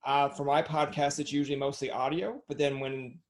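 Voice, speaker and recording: A man's voice: mid-range voice, a little fast. A man hosting a casual podcast interview over a video call. He jokes and acts out little scenes. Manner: jokey, animated storyteller who acts out quotes. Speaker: podcast host.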